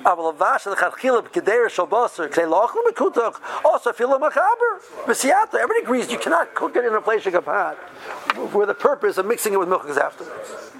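A man's voice: high-pitched, animated, fast talker, creaky, fairly bright tone. A man teaches religious law. His delivery is informal, working through homely examples and tossing in short rhetorical questions as he goes. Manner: talks through everyday examples with rhetorical checks. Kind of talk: informal spoken lesson.

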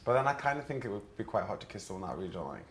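A man's voice: lowish voice, big pitch swings, racing, a little hiss or hum. A man in his thirties with a Northern English accent, teasing and bantering on a date and swearing freely. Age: 30s. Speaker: dating show contestant.

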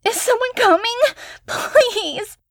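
A woman's voice: very high-pitched, sing-song, slow pace, a bit bright, pitched above the performer's own voice, heavily acted. A woman doing a terrified young caller. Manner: panicked, pleading.

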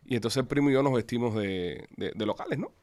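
A man co-hosting a casual sports chat, telling stories in an animated, slangy way. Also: mid-range voice, fast.

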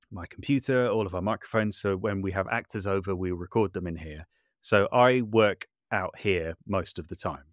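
This interview guest, a male composer and voice artist, has a fairly low, slightly bright voice and a relaxed, thoughtful, self-deprecating way of talking, frequently rewording what he's just said. His clean, echo-free studio recording comes from a small brick outbuilding at home.

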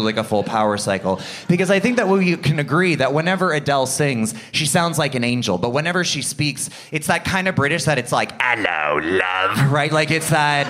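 A man from Canada in his thirties performing a stand-up comedy set, animated and slipping into mock voices. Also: fairly high pitch, a little hiss or hum. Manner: animated, does mock voices, laughs often. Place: live comedy stage with audience.

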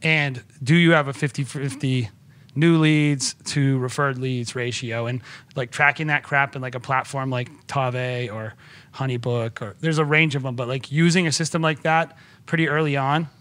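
Bright-voiced excitable man talking shop. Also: mid-range voice, normal speed. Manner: enthusiastic, rambling with many restarts. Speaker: podcast guest, wedding filmmaker. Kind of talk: casual podcast conversation.

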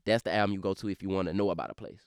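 Deep gravelly Louisiana rapper with a drawl. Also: male voice, fairly even intonation, dry recording, studio quality. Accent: Baton Rouge, Louisiana. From Baton Rouge, Louisiana. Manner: fast, slurred drawl with many fillers. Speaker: rapper, interview guest. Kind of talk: casual interview talk.

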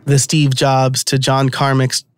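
A man's voice: medium pitch, monotone, a little slow, smooth, no echo. A middle-aged man with a New York accent, hosting a casual, conversational podcast interview. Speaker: podcast host.

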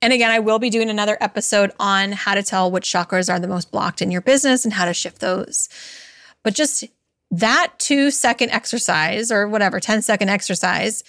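A woman's voice: fairly high pitch, fairly bright tone, no room sound, clean studio sound. A woman hosting a solo podcast, talking casually and with emphasis, acting out quoted asides as she goes. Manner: chatty and emphatic, mimics voices in quoted asides. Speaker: podcast host and business coach.

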